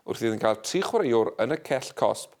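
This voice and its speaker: A man presenting a local news bulletin in a steady, measured read. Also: medium pitch. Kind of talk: scripted news reading.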